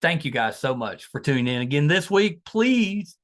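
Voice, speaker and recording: A man's voice: fairly high pitch, sing-song, moderate pace, fairly bright tone. A man with an Appalachian West Virginia accent, hosting a podcast in a casual, folksy, conversational way. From West Virginia, USA. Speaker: podcast host.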